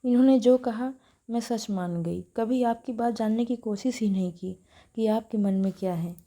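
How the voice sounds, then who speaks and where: A woman's voice: fairly high pitch, normal speed, dark tone. Brief: a woman playing the youngest daughter-in-law, earnest apology.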